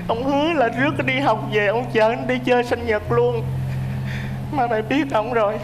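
Một người đàn ông đóng vai người kể lại nỗi đau của một ông lão, giọng buồn bã nặng nề. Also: male voice, extremely high pitch, fairly even intonation, moderate pace, background noise. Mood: sorrowful. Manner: mournful, heavy storytelling. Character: sorrowful man telling of a grieving old man. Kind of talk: stage comedy sketch.

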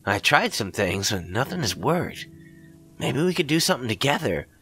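A man voicing an obsessed, reckless young man who talks fast and pushes excitedly. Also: mid-range voice, soft background music, pitched above the performer's own voice. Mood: eager.

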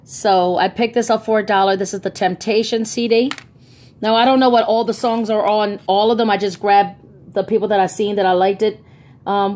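A woman's voice: medium pitch, a little mellow. A woman casually showing off her bargain finds on camera, chatty and gushing, with lots of ums, recorded on a handheld phone. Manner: chatty, enthusiastic, many ums. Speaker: vlogger. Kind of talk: casual haul video. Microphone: phone held by the speaker, off camera.

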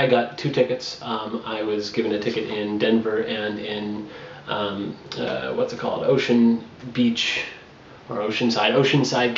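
A travel blogger in his twenties gives casual advice to a camera on a makeshift tripod in a small bedroom with a bare wall. His medium-pitched voice echoes around the room over a little hiss or hum, and the lo-fi audio is dull. He rambles with frequent fillers and restarts, laughing between points.

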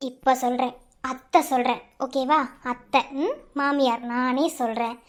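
A woman's voice: high voice, steady tone, unhurried. A woman voicing a firm, reassuring middle-aged mother in a cartoon, with a Madurai Tamil accent. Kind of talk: cartoon voice acting.

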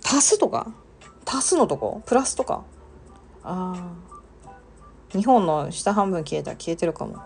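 A woman's voice: fairly low pitch, big pitch swings, slow, gravelly, long pauses, a little hiss or hum. A young woman hosting a casual live stream, chatting with viewers and reading their comments aloud. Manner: chatty, reads viewer comments aloud, exclaims and laughs often.

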